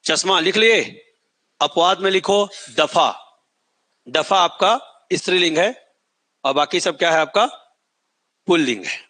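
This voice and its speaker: A high-pitched, bright-toned man teaches a class. He dictates notes, repeats each word, and keeps checking that his students follow. He sounds like a middle-aged coaching teacher. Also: unhurried, long pauses. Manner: repeats key words, asks students if they remember; sings a film line as an example.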